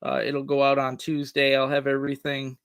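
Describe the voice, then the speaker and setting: Bright-voiced man chatting casually on livestream. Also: medium pitch, monotone, brisk, creaky, clear, resonant tone. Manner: folksy, rambling. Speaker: livestream host. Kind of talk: casual chat with viewers.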